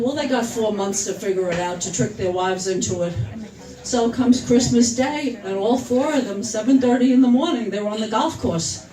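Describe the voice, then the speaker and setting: A woman in her seventies telling jokes at her own birthday party, chuckling at her own punchlines. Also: mid-range voice. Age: 70s. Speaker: birthday party joke teller. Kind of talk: casual stand-up joke telling. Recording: echoey room, far from the mic.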